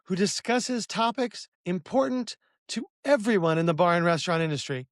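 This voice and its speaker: A man's voice: high-pitched, expressive, normal speed, no echo, clean studio sound. A man hosting a podcast panel, chatty and upbeat as he runs the introductions and asks questions. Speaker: podcast host.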